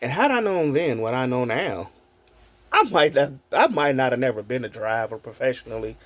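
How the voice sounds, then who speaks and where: In an animated, relaxed vlog, a man in his forties who creates content recounts stories from his childhood. Addressing viewers directly, he laughs a lot and curses freely, speaking at medium pitch and normal speed.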